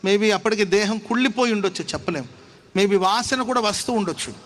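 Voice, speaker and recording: A man's voice: high voice, fairly quick, fairly bright tone. A male pastor preaching a sermon, urging the congregation to clap and respond. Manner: exhorting, call-and-response with the congregation. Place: church service.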